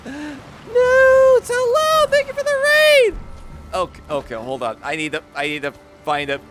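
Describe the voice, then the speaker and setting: A man chatting excitedly as a game livestreamer, animated and often repeating his phrases. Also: extremely high pitch, measured pace, loud music behind the voice. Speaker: live streamer. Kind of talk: excited gaming livestream chat.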